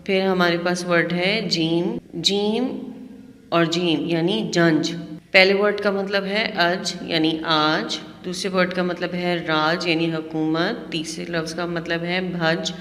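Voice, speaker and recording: A woman teacher giving a slow, patient classroom lesson, spelling out words letter by letter. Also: on the low side, fairly bright tone. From Pakistan. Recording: echoey room with long reverb.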